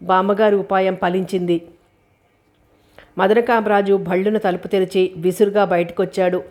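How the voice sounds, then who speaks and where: A woman's voice: mid-range voice, flat delivery, normal speed, a little mellow. A woman reading a humorous novel aloud as an audiobook narrator.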